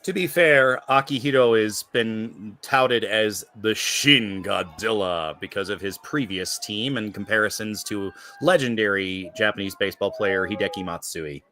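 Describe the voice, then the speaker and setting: A man's voice: on the low side, a little slow, hardly any pauses, pushed and bright. A man giving live play-by-play commentary on a baseball game.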